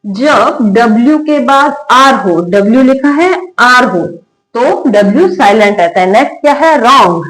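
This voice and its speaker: A woman's voice: fairly high pitch, lively intonation, measured pace, fairly bright tone, low-quality recording. A woman teaching an English lesson in Hindi, repeating each word and asking herself questions before she answers them. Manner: repetitive call-and-response drilling, asking and answering her own questions.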